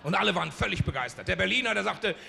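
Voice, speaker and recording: A man's voice: high-pitched, lively intonation, very fast, creaky, bright, forceful tone. A man telling jokes as a carnival comedian in a large hall, in a punchy storytelling delivery. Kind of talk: comic carnival speech. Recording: long hall reverb, faint crowd noise.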